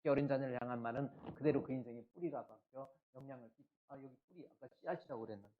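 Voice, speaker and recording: A male pastor delivering a Sunday sermon, emphatic and full of rhetorical questions, jumping between loud outbursts and quiet asides. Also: medium pitch, quick pace, narrow, tinny audio. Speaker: senior pastor.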